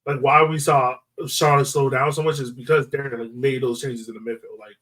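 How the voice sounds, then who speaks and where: In a low-quality recording made far from the mic, a man runs through soccer analysis on his podcast in a loose, conversational style, leaning on "like" and "you know." His mid-range voice is steady and a bit bright, and he speaks fairly quickly.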